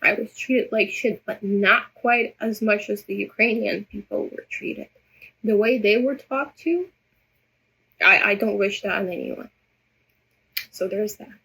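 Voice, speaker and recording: A woman whose first language is Russian talks unscripted to viewers through a phone camera, rambling and stammering with many restarts in a personal monologue. Her mid-range voice is unhurried, sharp and slightly rough with vocal fry, and the audio is poor.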